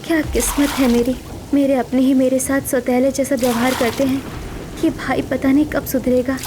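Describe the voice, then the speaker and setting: A woman voicing a patient, overworked young sister who speaks softly and humbly in a cartoon story. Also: high-pitched, flat delivery, moderate pace, background noise, lightly acted. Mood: meek. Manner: soft-spoken, submissive, sorrowful.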